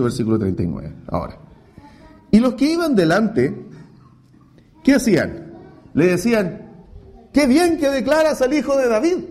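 A man preaching a sermon as pastor, swinging between loud cries and hushed asides and acting out quoted voices. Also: fairly high pitch.

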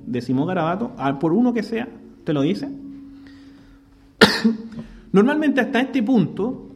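A man's voice: fairly high pitch, a little mellow. A man preaching a sermon in a conversational way, often tagging rhetorical questions and acting out the excuses people make. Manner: conversational preaching with frequent rhetorical "¿cierto?" tags; acts out excuse-makers in quoted voices. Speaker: pastor.

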